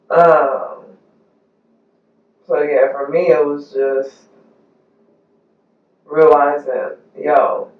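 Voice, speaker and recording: Casual co-host, a man with a high voice, animated and blunt, picked up far off in an echoey room. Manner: animated, swears freely, acts out quoted voices. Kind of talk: casual candid chat. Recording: echoey room, far from the mic, dull sound.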